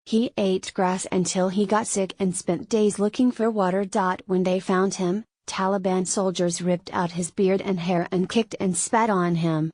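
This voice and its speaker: A woman's voice: medium pitch, fairly even intonation, measured pace, few pauses, a little mellow, no room sound. A woman reading a scripted news article as a narrator, quotes included in the same reporting voice.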